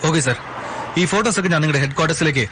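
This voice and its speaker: A man voicing a young press photographer in a dubbed film, talking in a quick, pleading and animated way. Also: a little high, a little hiss or hum, lightly acted. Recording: film soundtrack with loud music and crowd.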